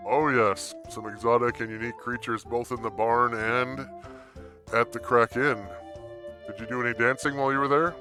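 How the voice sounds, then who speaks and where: A man's voice: mid-range voice, flat delivery, moderate pace, bright, forceful tone, faint music behind. A man speaking through a voice changer as a young male wizard in a tabletop game, bantering crudely. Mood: teasing. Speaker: tabletop player. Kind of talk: in-character roleplay.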